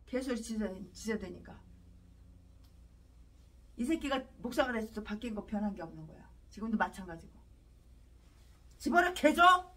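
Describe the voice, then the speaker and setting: A woman pastor preaching an expository sermon, emphatic and repeating herself, at times breaking into angry shouted tirades, her voice distant from the mic. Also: medium pitch, animated, moderate pace, pauses often.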